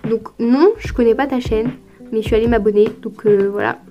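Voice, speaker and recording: A woman's voice: fairly high pitch, steady tone, a little fast, warm tone, muffled recording, faint music behind. A teenage girl from France answering viewer questions in a casual vlog, chatty and hesitant with lots of fillers. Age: teens. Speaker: youtuber.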